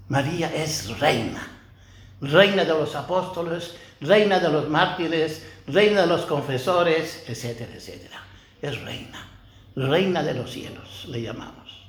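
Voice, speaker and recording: A man's voice: sits high, fairly bright tone, echoey room. An older man preaching a homily as a priest, talking to his listeners in a conversational way and tossing in rhetorical questions.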